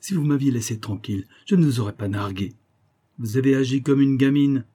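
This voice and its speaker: Haughty young lady of rank, man doing a raised voice, husky, dark tone. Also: medium pitch. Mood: indignant. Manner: haughty, quick-tempered outbursts. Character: proud, fiery young aristocratic woman.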